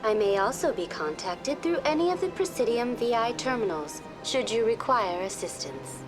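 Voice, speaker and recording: Avina, high-voiced virtual tour guide. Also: female voice, sing-song, music in the background. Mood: polite, composed. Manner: formal, polite, measured, impersonal. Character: courteous female virtual intelligence tour guide on a space station. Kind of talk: scripted informational game dialogue.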